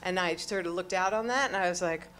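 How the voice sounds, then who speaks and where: A middle-aged woman talking onstage at a live event, exuberant and profane, swinging from quiet remarks to loud exclamations and laughing often. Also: on the low side, quick pace. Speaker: award honoree speaking onstage. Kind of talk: lively onstage conversation with profanity.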